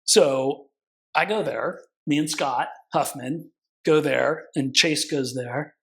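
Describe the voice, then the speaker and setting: Animated, profane middle-aged lawyer telling a story. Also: male voice, a little high, takes it slowly, gravelly. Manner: animated, profane, lots of filler words, acts out dialogue. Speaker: consumer protection attorney, guest. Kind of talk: casual storytelling conversation.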